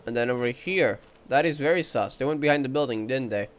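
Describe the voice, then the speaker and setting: A game streamer with a medium-pitched voice speaks briskly, offering casual commentary and thinking aloud in short remarks as he plays, with game music behind him.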